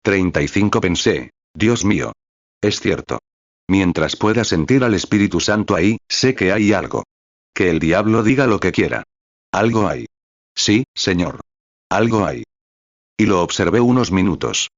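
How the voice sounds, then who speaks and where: A man reading a translated sermon aloud in a steady, earnest storytelling way. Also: sits low, a little slow, dry recording, highs cut off.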